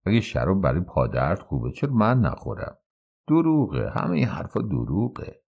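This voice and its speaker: A man's voice: low-pitched, wildly swooping pitch, creaky, a little mellow, breathy edge, heavily acted. A male narrator voicing a bitter, resentful young man with a lame leg, in an audiobook reading. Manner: brooding, bitter complaints.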